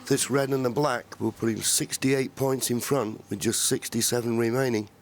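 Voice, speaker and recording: A man's voice: mid-range voice, fairly even intonation, normal speed. A man giving analytical live snooker commentary as a co-commentator. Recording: noisy arena broadcast, audible crowd. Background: snooker arena crowd.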